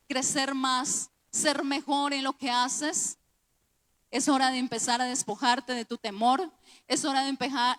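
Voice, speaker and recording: A woman's voice: high-pitched, fairly bright tone. A woman pastor with a Colombian accent preaching a sermon in an earnest, conversational way, asking rhetorical questions. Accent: Colombian Spanish.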